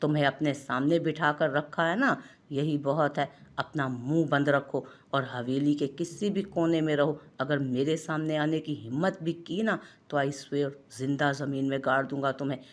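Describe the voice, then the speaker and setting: A woman's voice: low-pitched, fairly even intonation, moderate pace, lightly acted. A domineering young man, put on by a woman narrator, hot-tempered and commanding. He threatens freely in a storybook romance reading. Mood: furious.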